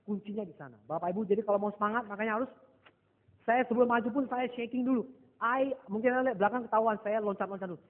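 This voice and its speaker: High-voiced man teaching a seminar. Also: fast talker. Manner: lively storytelling, mixing English phrases, acting out dialogue. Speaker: motivational NLP trainer. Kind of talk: seminar talk to a live audience. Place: seminar hall. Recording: echoey hall over a thin, phone-like line.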